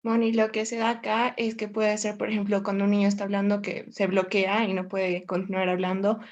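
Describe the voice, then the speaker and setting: A woman's voice: medium pitch, level tone, fairly quick, lo-fi sound. A woman student answering the teacher in an online class, hesitant and giving examples with "¿no?" tags.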